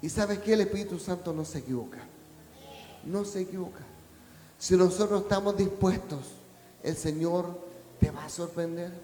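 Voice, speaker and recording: A male pastor preaching a sermon in a high voice, peppering the congregation with rhetorical questions and building to shouts. The sound is roomy, with a long church-hall reverb trailing each phrase. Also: normal speed, long pauses, faint music behind. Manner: preaching, rising to a shout at climaxes.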